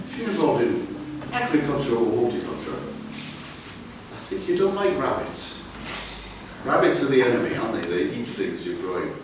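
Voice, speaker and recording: A man from Wales telling a folk tale live to an audience, with playful asides. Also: mid-range voice. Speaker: storyteller. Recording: echoey room from far off, noisy.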